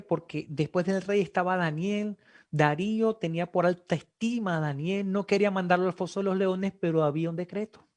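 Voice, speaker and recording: This is a preacher in full sermon mode, voice pitched in an ordinary middle range, throwing question after question at the listeners. The delivery is animated and emphatic, with sudden exclamations punching through the storytelling. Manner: animated, rhetorical questions to the congregation.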